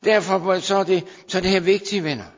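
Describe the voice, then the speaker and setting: A man's voice: sits high, steady tone. Hall-echoing male preacher, pleading and urgent. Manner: swings between hushed, slow pleading and raised, urgent preaching. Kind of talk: sermon. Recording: dull sound with long hall reverb.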